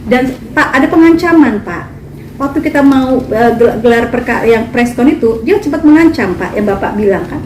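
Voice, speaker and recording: A woman's voice: on the high side, animated, normal speed, darkish tone, distant mic. A woman singer making an emphatic, indignant statement at a press conference. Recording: echoey, from afar, faint noise.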